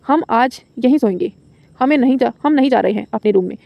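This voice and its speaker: A woman voicing a cute, eager little girl who speaks slowly and pleads like a child, in a storybook reading. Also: a little high, expressive, gravelly, dry recording, highs cut off. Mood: pleading.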